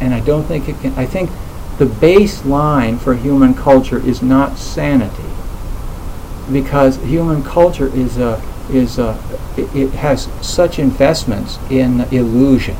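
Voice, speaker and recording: A man with a gravelly, mellow voice talks in a loose, reflective way, often pausing on fillers and starting his sentences over. Faint room ambience sits behind him. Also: medium pitch, slight background noise, poor audio. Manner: hesitant, many fillers and restarts. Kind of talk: reflective conversational talk.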